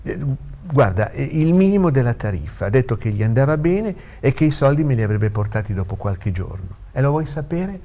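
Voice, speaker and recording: Figure: a man voicing a young male lawyer. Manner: hesitant, rambling, fillers. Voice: raised pitch, animated. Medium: read-aloud story. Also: a little fast. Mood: complaining. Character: young lawyer, uncertain and chatty.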